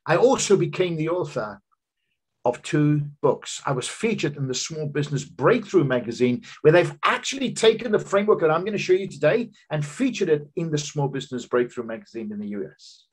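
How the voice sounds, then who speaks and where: A business coach in his fifties gives an earnest seminar talk over slides on a video call from his home office, captured by a webcam. He tells personal stories with emphatic rises in a sing-song voice that is slightly rough and fairly quick.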